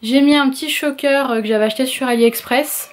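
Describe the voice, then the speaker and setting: A young woman with a French accent talks straight to the camera in a relaxed outfit-of-the-day vlog. Her voice sits a little high, and she fills her chat with easy hesitations. The sound comes from the camera's own mic at home. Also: a little fast. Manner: chatty, many fillers, speaks straight to viewers. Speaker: beauty vlogger.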